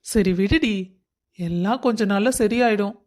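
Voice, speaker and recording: A woman voicing a young, busy husband who coaxes and gently scolds his wife. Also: mid-range voice, moderate pace, close to an everyday voice. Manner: coaxing, affectionate scolding.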